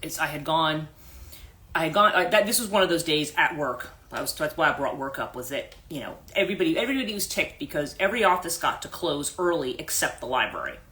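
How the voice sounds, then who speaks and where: A woman's voice: low-pitched, animated, quick pace, sharp tone. A middle-aged woman life coach telling a personal story on a morning phone livestream, rambling with many fillers and restarts.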